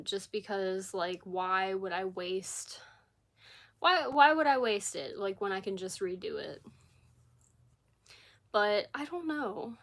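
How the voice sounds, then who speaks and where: A woman's voice: a little high, a bit bright. A woman with a scratchy voice chatting casually on a livestream from her living room, rambling with lots of fillers. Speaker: crochet livestreamer. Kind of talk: casual live chat.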